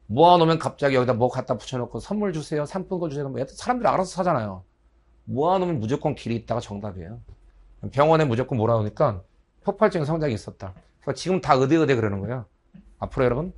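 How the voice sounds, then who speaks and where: A middle-aged man giving a lecture to exam students, chatty and joking, slipping into slang and acting out little dialogues. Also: a little high. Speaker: biology instructor for transfer exam prep. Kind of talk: lecture with casual asides.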